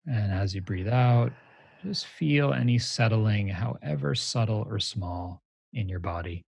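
A man with a fairly low voice leads a grounding exercise as a meditation teacher. His delivery is gentle and measured, in short phrases, with a creaky, husky grain. The sound is dry and close. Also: dry recording. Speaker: meditation teacher, interview guest.

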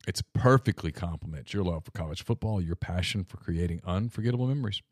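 A male co-host delivers a scripted ad read. His voice sits low, and the recording is dry and close with very little room sound. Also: fast talker, dry recording. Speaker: co-host reading sponsor spot.

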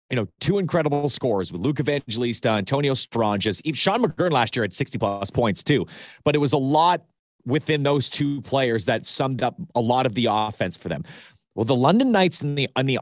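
A man's voice: mid-range voice, no echo, studio quality. A man co-hosting a hockey podcast, talking scoring stats with enthusiasm and a few stammered restarts. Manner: enthusiastic, stat-heavy, some stammering restarts. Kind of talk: casual sports chat.

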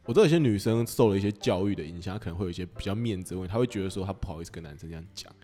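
A man's voice: sits low, lively intonation, rapid-fire, warm tone, long reverb tail, faint music behind. A young man with a Taiwanese accent chatting casually and bluntly as a podcast co-host, with a teasing, informal manner. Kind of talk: casual chat.

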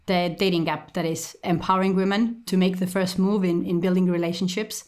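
A woman in her thirties, originally from Estonia, speaking as an interview guest in a measured, articulate way with occasional ums and repeated words. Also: on the low side, little pitch movement, a little mellow. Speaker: guest, company executive. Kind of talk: conversational interview.

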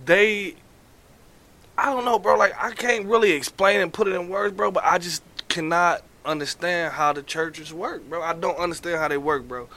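A man's voice: high-pitched, moderate pace, sharp tone. A man chatting and telling stories casually, in an emphatic, repetitive, slangy way. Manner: emphatic, repetitive, says "bro" constantly. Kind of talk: casual chat and storytelling.

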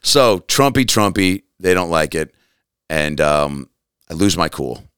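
A man's voice: deep voice, expressive, a little slow, a bit bright, clean tone, dry recording, studio quality. A man, a comedian guest on a podcast, telling a story in casual chat and acting out the quotes.

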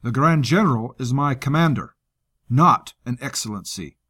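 A man's voice: mid-range voice, expressive, moderate pace, pushed and bright, slightly rough. A man voicing a brash, scarred male military commander with a harsh, taunting manner. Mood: defiant.

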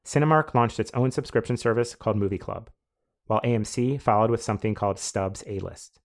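A man hosting a podcast, reading a measured, scripted narration that explains a business story. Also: lowish voice. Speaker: podcast host.

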